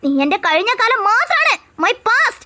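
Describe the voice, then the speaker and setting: A voice actor playing a firm young man in a cartoon who scolds fast and insists. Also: extremely high pitch, sing-song, background noise, full character voice. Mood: firm, irritated. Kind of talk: cartoon voice acting.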